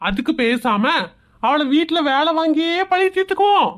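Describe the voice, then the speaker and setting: A woman's voice: sits high, expressive, normal speed, noisy background. A woman voicing a harried middle-aged husband and son in a cartoon skit, pleading and soothing.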